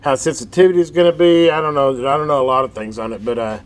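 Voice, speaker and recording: Talking fast in a steady, medium-pitched voice, this middle-aged radio repair channel host narrates hands-on work casually and folksily, rambling as though thinking aloud. Workshop noise fills the background of his metal-building shop.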